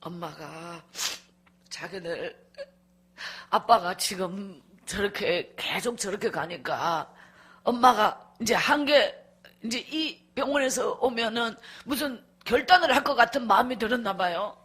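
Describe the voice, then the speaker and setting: A woman's voice: medium pitch, measured pace, a bit bright, husky. A middle-aged woman evangelist gives a revival sermon testimony and tells her story with strong emotion. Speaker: evangelist preaching at a revival meeting.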